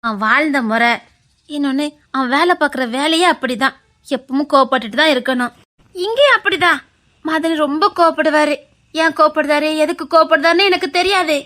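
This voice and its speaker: A practical aunt with a Tirunelveli accent talks someone down patiently, half soothing and half lecturing, as a woman acts her out. Her voice is high and bright. She keeps an even, firm and reasoning tone throughout. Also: a little fast. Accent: Tirunelveli Tamil. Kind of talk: web series drama acting.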